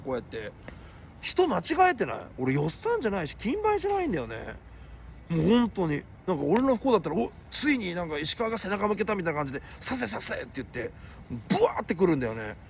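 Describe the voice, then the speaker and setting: A man chats loosely on a livestream, slightly high-pitched with a voice that swings widely up and down. He drifts between polite phrasing and blunt asides, and a faint hiss of noise sits under the recording. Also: gravelly. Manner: rambling, shifts between polite and blunt speech. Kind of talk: casual livestream talk.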